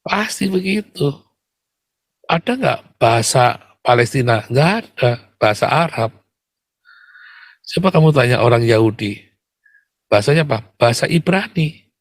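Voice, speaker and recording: A man delivering an impassioned, combative monologue to his viewers. He keeps calling them brothers and sharply jumps up in pitch whenever he makes a point. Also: animated, normal speed, long pauses, dry recording. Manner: emphatic and combative, keeps addressing listeners as brothers.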